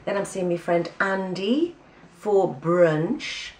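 A woman's voice: fairly low pitch, lively intonation, slow pace, a little mellow, echoey room, distant mic, poor audio. A woman with an English accent giving a breezy, chatty catch-up to camera, full of ums. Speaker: vlogger giving a personal catch-up. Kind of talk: casual chat to camera.

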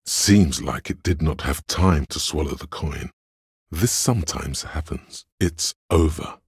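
In a video game, an actor voices a detective's inner voice of logic: a grave, analytical man with a gravelly, rumbling low rasp. His delivery is deliberate, dry, detached, and exaggerated, captured in a dry recording.

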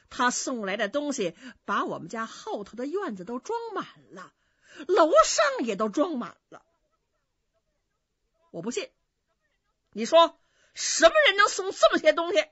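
A woman voicing a clever, sharp-tongued innkeeper's wife who scolds, in a dry, slightly dull recording. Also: high voice, wildly swooping pitch, husky, no room sound, full character voice. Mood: scolding. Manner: scolding, quick-witted.

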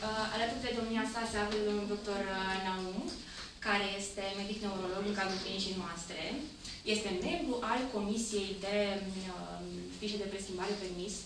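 A woman's voice: medium pitch, fairly even intonation. A woman in her thirties hosting a live raffle draw at a clinic, introducing guests and coaxing a small child to pick the winner, in a cheerful, upbeat way. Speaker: event host. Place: large clinic lobby indoors. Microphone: handheld mic filmed by a far camera. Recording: echoey room from far off, noisy.

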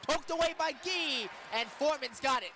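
Courtside at a college basketball arena, a young man with a very high voice calls live radio play-by-play at normal speed. His short, punchy, excitable phrases can rise to shouts over the loud crowd and a bouncing basketball.

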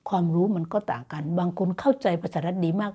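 Soft-spoken woman teaching Dutch. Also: lowish voice, quick pace, husky. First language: Thai. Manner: explains patiently, mixing Thai with Dutch example sentences; encouraging and motivational. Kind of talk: casual online language lesson.

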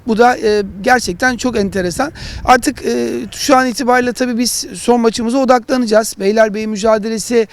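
A man talking through match analysis as a football pundit, in halting, explanatory phrases. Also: very high voice, steady tone, smooth. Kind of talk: analytical studio discussion of matches.

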